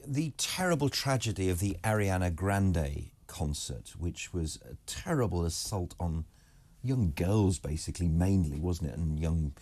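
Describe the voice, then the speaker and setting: A man hosting a broadcast interview, talking in an animated way and often cutting in with quick agreement. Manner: animated, interjecting, rising emphatic pitch. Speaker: TV interviewer, host.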